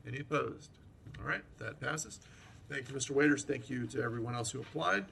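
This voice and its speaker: A man chairing a public meeting, calling motions and votes in an informal, polite, halting way. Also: medium pitch, creaky, pushed and bright, slight background noise. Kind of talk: procedural meeting moderation.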